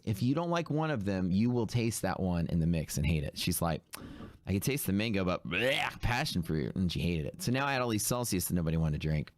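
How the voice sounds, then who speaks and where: Hungover man with a very low voice. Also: no echo. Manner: laid-back, slangy talk. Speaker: host of a live day-trading stream. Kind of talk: casual livestream chat.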